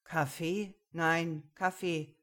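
A woman voicing an earnest, esoteric man who lectures calmly about healing water. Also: lowish voice, normal speed, natural voice.

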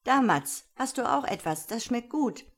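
A clever little shepherd boy from a storybook, friendly and lively, played by a woman reading aloud. His voice is raised and bright, louder than the narration. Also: on the high side, a little slow, voice pushed up.

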